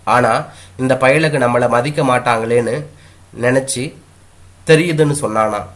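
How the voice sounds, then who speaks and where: Man, storyteller, mid-pitched voice, steady first-person narration. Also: unhurried.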